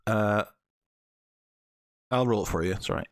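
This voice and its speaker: A man's voice: lowish voice, normal speed, noisy background. A man running a tabletop game as game master, improvising, often hesitating and stuttering as he thinks.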